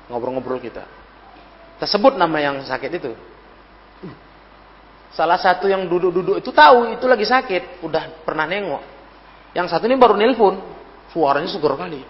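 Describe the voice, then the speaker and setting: A man's voice: big pitch swings, normal speed, long pauses. A man giving a sermon as a religious teacher, asking his listeners rhetorical questions and acting out the people he quotes. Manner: acts out quoted speakers with sudden pitch jumps. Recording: dull lo-fi recording in a reverberant hall.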